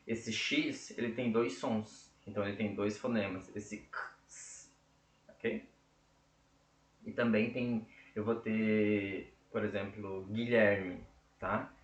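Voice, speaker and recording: A man's voice: fairly low pitch, steady tone, takes it slowly. Man explaining in an echoey room. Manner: explanatory, checks in often with "tá?" and "né?". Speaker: teacher. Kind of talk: casual spoken lesson.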